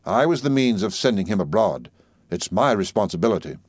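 A man voicing a grave, measured middle-aged lawyer who speaks dryly. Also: fairly low pitch, sing-song, darkish tone, dry recording.

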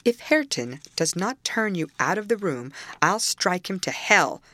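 A man's voice: on the high side, expressive, measured pace, bright, forceful tone, dry recording, exaggerated voice. A woman voicing a savage, domineering middle-aged master of the house in an audiobook, commanding and menacing. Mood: furious.

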